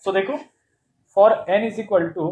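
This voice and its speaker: A man's voice: high voice, extremely slow, a little mellow, a little hiss or hum. Man teaching math, echoey room. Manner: explains step by step with rhetorical questions; playful, calls terms "bhai sahab". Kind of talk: blackboard math lesson.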